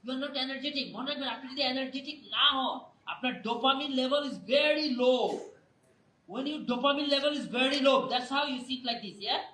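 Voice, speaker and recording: This is a live motivational workshop, led by a public speaking trainer whose male voice is high and bright. Full of energy, he keeps questioning the audience and waiting for responses, while a far-off mic captures the echo of the hall.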